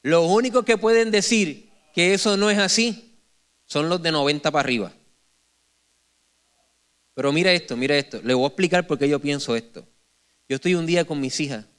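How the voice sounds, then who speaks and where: A man in his forties preaches from the pulpit with a high-pitched voice. He tells stories with animation and jokes with his congregation. He often breaks off and restarts his phrases as he talks. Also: a little fast, pauses often, clean tone. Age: 40s. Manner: animated, joking storyteller addressing the congregation; frequent self-corrections and restarts. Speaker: pastor. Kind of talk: sermon. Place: church sanctuary before a congregation.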